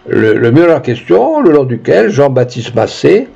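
A man's voice: mid-range voice, very animated, measured pace, gravelly, mellow, slightly rough, dull audio, exaggerated voice. A man voicing an old peasant woman in court, flustered and rustic in speech.

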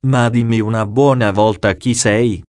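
Brief: man reading a devout princess, earnest questions, very slow. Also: lowish voice, steady tone, a little mellow, dry recording, studio quality, close to an everyday voice. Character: pious noblewoman questioning a spirit.

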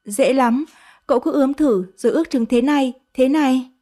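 A woman's voice: high-pitched, a little fast, dark tone, voice pushed up. A woman voicing a fawning teenage servant girl who sweet-talks in a coaxing, sugary way.

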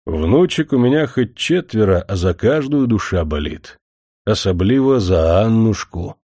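A stern, weary old grandfather grumbles in gruff, old-fashioned village speech, as a man reads him in a story. The voice is mellow and dark and moves a lot. The recording is close and dry. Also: fairly low pitch, lively intonation, measured pace, no room sound. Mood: grumbling.

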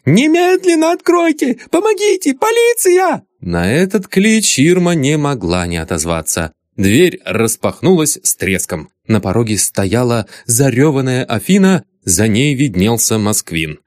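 Guy narrating an audiobook, very animated voice, dry close recording. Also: fairly low pitch, measured pace, hardly any pauses, dry recording. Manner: expressive, dramatic reading. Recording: dry close studio sound.

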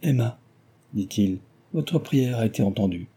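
A man voicing a gentle, tall aristocratic marquis who speaks in a measured way. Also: medium pitch, expressive, breathy edge.

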